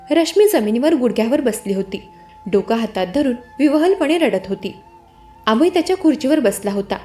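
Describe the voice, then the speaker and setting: A woman's voice: sits high, warm tone. A woman telling a dramatic story in the first person, with emotional scripted narration and a Marathi accent.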